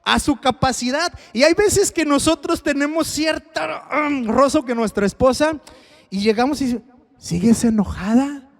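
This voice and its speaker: High-voiced Mexican pastor, echoing hall. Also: male voice, moderate pace. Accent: Mexican Spanish. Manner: conversational, quizzes the congregation. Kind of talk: sermon on marriage. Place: church hall.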